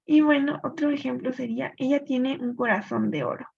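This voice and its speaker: A woman teaching a recorded literature lesson, explaining step by step and pausing to think aloud for examples. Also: high voice, darkish tone. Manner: clear explanatory pace with thinking-aloud pauses. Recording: dull lo-fi recording.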